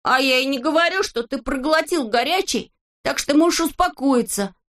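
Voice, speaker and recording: A boastful little storybook fellow with a high, childish voice that rises and swoops as he talks, played by a woman. He sounds cheerful and unbothered, with a bright, bouncy delivery. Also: lively intonation, normal speed. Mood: carefree. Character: boastful carefree little male shorty.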